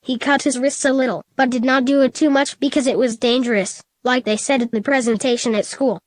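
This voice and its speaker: Woman reading fan fiction aloud, fairly high voice, steady plain delivery, dry close sound. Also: no echo.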